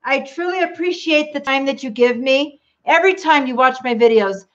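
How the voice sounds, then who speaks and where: A grandmother with a high voice chats away on her cooking livestream and talks straight to the viewers. She speaks from her home kitchen. The audio sounds dull and lo-fi. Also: normal speed, slight background noise. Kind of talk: casual livestream chat while cooking.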